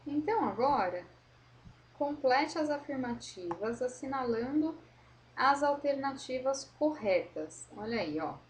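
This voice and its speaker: A woman teacher, likely in her thirties, walks young pupils through a worksheet. She drags out each example word slowly and patiently, in a voice that sits a little high. A faint hiss hangs under the recording. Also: lively intonation. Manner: slow, drawn-out modelling of words, patient explaining. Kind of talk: correcting a school worksheet for children.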